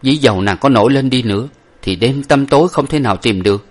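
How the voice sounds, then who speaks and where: A man voicing a dignified, grief-stricken young gentleman in a storybook, with a measured manner. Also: mid-range voice, pitched above the performer's own voice, natural voice. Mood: weary.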